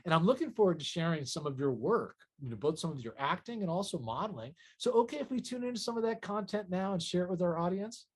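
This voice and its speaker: A man's voice: sits high, expressive, fast, hardly any pauses, husky. A man hosting a promotional interview, upbeat and effusive, with long rambling compliments and questions. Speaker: interview host.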